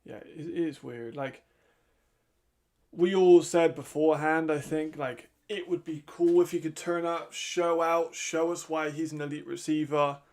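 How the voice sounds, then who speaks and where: A man's voice: a little high, fairly even intonation, a little slow, a little mellow. Chatty man commentating football live. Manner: casual, chatty, laughs often, trails off and restarts. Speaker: watch-along commentator. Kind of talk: casual live watch-along commentary.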